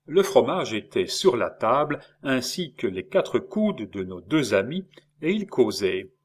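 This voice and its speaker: A man narrates a classic novel with a husky, breathy voice. He reads slowly and lets his pitch rise and fall widely, giving the lines a dramatic, expressive shape. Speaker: audiobook reader.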